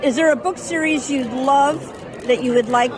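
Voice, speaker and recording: Brief: woman red-carpet reporter, high voice, eager chatty questions, crowd noise behind. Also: moderate pace. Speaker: entertainment correspondent. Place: busy premiere event.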